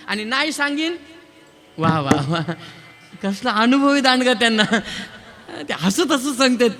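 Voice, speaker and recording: A male devotional preacher delivering a lively sermon, teasing and quizzing his live audience. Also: very high voice. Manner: lively, quizzes and teases the crowd, counts raised hands. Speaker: kirtan preacher.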